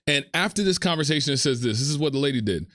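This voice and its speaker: A man casually retelling a Bible story like a relaxed sermon, using slang and often repeating himself. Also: a little high, rapid-fire, no room sound, studio quality.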